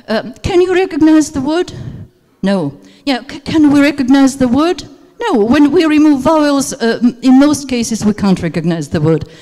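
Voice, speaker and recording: A woman's voice: high voice, lively intonation, normal speed, mellow. Hesitant woman lecturing. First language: Russian. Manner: hesitant, many fillers. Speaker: teacher trainer. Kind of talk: workshop lecture. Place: seminar room. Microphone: handheld microphone. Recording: hall reverb.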